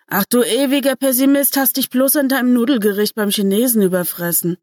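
A woman's voice: mid-range voice, measured pace, a little mellow, slightly rough, dry recording, studio quality. A woman voicing a sarcastic, preachy young man. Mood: grumbling. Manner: sarcastic, worked-up. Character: sarcastic, moralizing young man called Doc.

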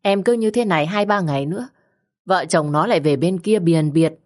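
A woman voicing a calm older father who gives measured, soothing advice. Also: on the low side, natural voice.

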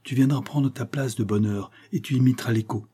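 A man voicing an excitable, scheming middle-aged factory owner who exclaims and boasts in a storybook reading. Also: mid-range voice, brisk, breathy edge, natural voice. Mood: boastful. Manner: exclamatory, triumphant, declaiming.

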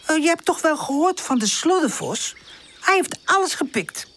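A woman's voice: high voice, lively intonation, moderate pace, a bit bright, voice pushed up. A woman voicing a cautious, sensible little female puppy in a children's audiobook, doubtful but loyal. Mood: gentle.

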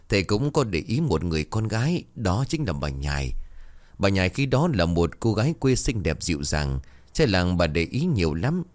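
A man narrating a folk story in a steady, unhurried way. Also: on the low side, no echo.

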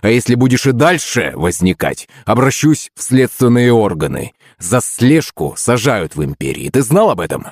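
A man's voice: mid-range voice, big pitch swings, moderate pace, few pauses, dry recording, clean studio sound, pitched above the performer's own voice. A man voicing a cocky, blunt middle-aged father who mocks his rival. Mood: mocking. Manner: mocking, blunt. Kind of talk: audiobook character voice.

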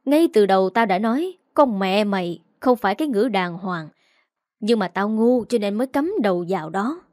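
A woman's voice: on the high side, a little mellow, no room sound, studio quality, lightly acted. A woman voicing a scornful, harsh old grandmother in a read-aloud story. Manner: sneering, scolding.

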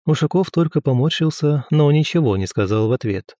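A man's voice: fairly high pitch, expressive, fairly quick, mellow, no room sound. Man reading an audiobook, dry close sound. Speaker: audiobook narrator. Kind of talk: first-person audiobook narration.

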